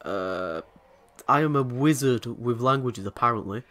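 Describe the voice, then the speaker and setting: A man's voice: medium pitch, unhurried, fairly bright tone. A man giving casual commentary over a video game, joking crudely and talking back to the characters on screen. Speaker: let's play host.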